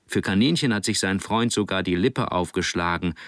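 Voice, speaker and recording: A man's voice: low voice, normal speed, dry recording, studio quality, lightly acted. A man voicing a stern, proud mother in an audiobook, with a raised, firm and clipped voice. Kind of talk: audiobook character reading.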